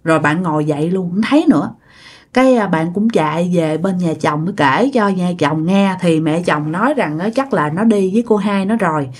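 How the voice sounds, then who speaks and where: A woman's voice: on the low side, a little fast, slightly rough. A woman telling a ghost story, talking straight to her listeners. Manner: chatty, addresses listeners directly. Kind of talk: casual ghost-story narration.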